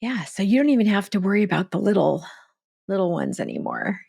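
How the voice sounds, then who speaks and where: Woman interviewer, upbeat and gushing with compliments, mid pitch, dry sound. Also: huge pitch swings, fairly quick, gravelly, slightly rough, no echo. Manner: warm, enthusiastic, complimentary. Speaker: interviewer, clinic staff. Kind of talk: casual interview.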